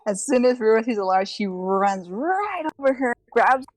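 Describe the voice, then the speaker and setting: Casting: lacherige speelster, vrouw, vrij hoge stem, zachte muziek. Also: female voice, fairly high pitch, very animated, moderate pace, dry recording, faint music behind. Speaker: player. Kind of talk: narrating her character in a tabletop game.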